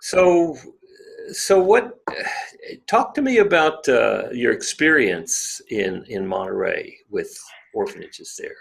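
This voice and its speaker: Guy hosting an interview, bouncy pitch, a bit of gravel, eager. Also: slow. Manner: animated, enthusiastic interviewer. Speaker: podcast host. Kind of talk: conversational interview.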